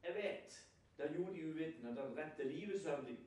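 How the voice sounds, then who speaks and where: A man's voice: on the high side, expressive, a little mellow. A man giving a sermon at a prayer house, retelling scripture as a story and often asking his listeners rhetorical questions. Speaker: lay preacher. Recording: very echoey hall, far from the mic.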